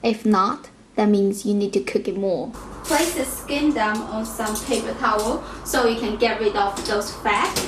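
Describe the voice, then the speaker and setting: A woman's voice: medium pitch, unhurried, few pauses, noisy background. A woman giving a casual cooking tutorial in her home kitchen, chatty and direct, with slightly non-native phrasing. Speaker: cooking vlogger.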